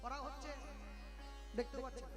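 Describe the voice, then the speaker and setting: A man with a very high, ringing voice preaches and chants a devotional kirtan. He exhorts the crowd and leads loud call-and-response chanting over heavy, loud musical accompaniment. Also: fairly even intonation, moderate pace, music in the background.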